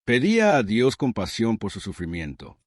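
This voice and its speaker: Solemn low-voiced male storyteller. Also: huge pitch swings, no room sound, studio quality. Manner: solemn, sorrowful, measured. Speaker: narrator. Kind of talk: dramatic story narration.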